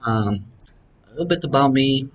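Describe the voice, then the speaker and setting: A man's voice: mid-range voice, normal speed. Laid-back man giving tips. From Bulgaria. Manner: relaxed, plain-spoken, step-by-step instructions. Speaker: car dealership finance manager. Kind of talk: casual advice vlog. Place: home kitchen, indoors. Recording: slightly dull lo-fi recording.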